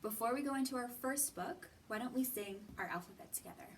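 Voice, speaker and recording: A woman hosting a library storytime, teaching and reading to young children in a deliberate, encouraging way with questions and pauses. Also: on the high side. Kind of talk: children's lesson and read-aloud. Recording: distant mic with clear background noise.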